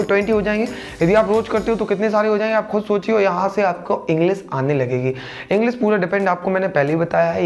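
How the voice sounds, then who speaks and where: Man drilling English phrases. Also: high voice. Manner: drills example sentences slowly, repeating each several times. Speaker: English teacher. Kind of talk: spoken-English lesson in Hindi.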